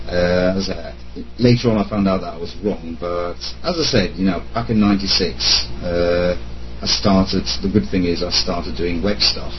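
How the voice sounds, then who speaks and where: A man's voice: deep voice, steady tone, moderate pace. A man in his thirties, from Germany and raised in Italy, answering interview questions from his room at home in a rambling way, with many fillers and restarts. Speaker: podcast guest, web accessibility expert. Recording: slightly dull lo-fi audio with faint hum.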